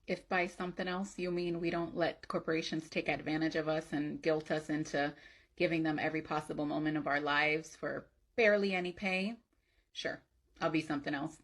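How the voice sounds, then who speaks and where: A woman's voice: low-pitched, steady tone, fairly quick. A woman playing an assertive, sardonic office employee in a workplace comedy skit, speaking firmly, bluntly and with sarcasm. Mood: sardonic, defiant. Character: assertive, sardonic female office employee who refuses unpaid work.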